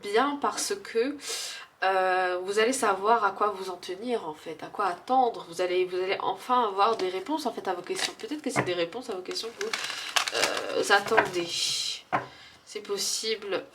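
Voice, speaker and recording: Woman, tarot reader, casual chat, hesitant, filler-heavy, faint noise behind. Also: mid-range voice. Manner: chatty, hesitant, many fillers, laughs often. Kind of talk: casual spoken tarot reading.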